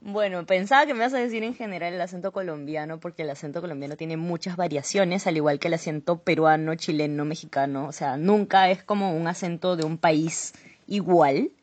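A woman's voice: lowish voice, fairly even intonation, brisk, darkish tone. A woman, a guest voice artist chatting casually on a podcast and explaining with examples.

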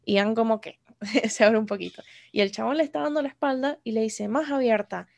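A woman's voice: a little high, fairly quick, creaky, a little mellow, no room sound. A woman co-hosting a podcast over a video call in a Rioplatense Spanish accent, chatting casually, laughing often and acting out quoted lines. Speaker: podcast co-host. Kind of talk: casual chat. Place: home, remote call.

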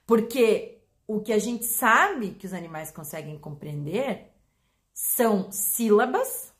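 Animated Brazilian woman explaining pet behavior. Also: mid-range voice, a little slow. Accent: Brazilian Portuguese. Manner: animated, acts out examples with voice changes. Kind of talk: explanatory talk to an audience.

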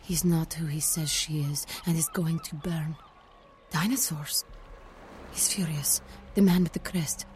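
An actress playing a cryptic, troubled seer in a video game, speaking halting, eerie prophecies in riddles. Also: female voice, sits low, fairly even intonation, a little mellow. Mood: cryptic, ominous. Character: cryptic, troubled young female seer telling dark fortunes. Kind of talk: dramatic video game acting. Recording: noisy, with background ambience.

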